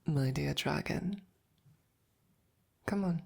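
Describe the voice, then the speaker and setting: In an intimate ASMR roleplay, a woman plays a devoted, tender, teasing female knight, speaking softly and haltingly with affection in a breathy, often whispered voice. Her voice is deep and heavily acted, and the mood is tender and reassuring.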